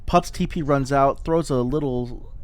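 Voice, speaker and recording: A man giving casual commentary analysing a competitive shooter match, lively and conversational. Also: medium pitch, unhurried, clean tone. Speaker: esports analyst.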